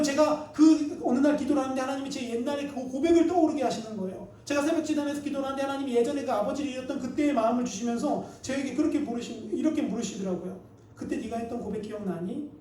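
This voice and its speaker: A man's voice: very high-pitched, mellow, slight background noise. A male pastor in his thirties preaching a sermon, telling personal stories with earnest feeling and acting out prayers and quoted speech. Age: 30s. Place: church sanctuary. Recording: echoey room with the mic at a distance.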